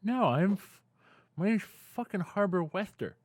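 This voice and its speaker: A man's voice: high-pitched, expressive, moderate pace, pitched above the performer's own voice. A man voicing a grumpy, foul-mouthed man who swears his way through every line. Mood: grumbling. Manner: gruff, swears constantly.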